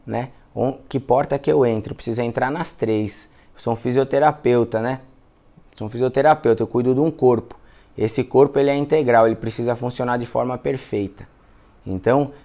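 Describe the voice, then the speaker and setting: A man with a Brazilian Portuguese accent, a physiotherapist giving a casual live class, telling patient stories and acting out the dialogue. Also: mid-range voice. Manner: animated storyteller, acts out dialogue, repeats words. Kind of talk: casual spoken lesson with case stories.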